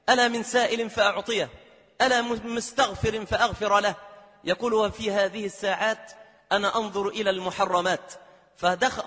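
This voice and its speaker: A man preaches an emotional sermon told as a story, delivering it dramatically and often sliding into melodic chanting of verses. His voice sits high, fairly bright and slightly rough, with long hall reverb and music behind him.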